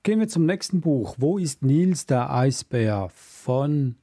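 A man hosting a conversation about books, introducing titles in a brisk, orderly way. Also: medium pitch, animated, dark tone, no room sound, clean studio sound. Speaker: host. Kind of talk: radio-style interview.

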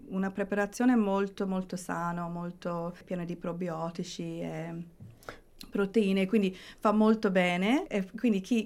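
A woman speaking as an interview guest, often pausing to search for words and correct herself. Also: mid-range voice, smooth. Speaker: interview guest, cookbook author. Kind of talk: casual radio interview.

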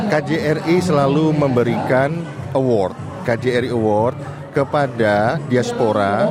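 A man with an Indonesian accent answering formally as a consular official in an interview, in diplomatic, measured phrases. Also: medium pitch. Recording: loud crowd behind, outdoor event.

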